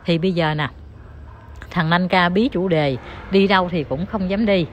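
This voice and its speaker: A woman's voice: lowish voice, normal speed, muffled recording, a little hiss or hum. A woman, ranting as an online commentator who talks straight to her viewers in a heated, scornful, insulting tone.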